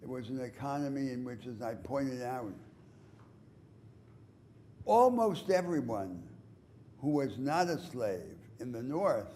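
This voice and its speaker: Measured male lecturer in a lecture hall. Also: mid-range voice, dark tone, slight background noise. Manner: measured, deliberate explaining with emphatic rises. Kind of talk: university lecture.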